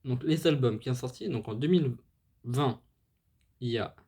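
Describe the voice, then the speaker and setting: A man's voice: medium pitch, normal speed, warm tone, slightly rough. A man hosting a music channel, presenting a band's history casually, hesitant and full of fillers, apologizing as he stumbles over foreign names, enthusiastic about the music. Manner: hesitant, many fillers and restarts.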